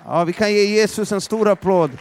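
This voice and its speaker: High-voiced preacher man. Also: a little hiss or hum. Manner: dramatic, drops to a hush for emphasis; repeats words as he restarts. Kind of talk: sermon storytelling.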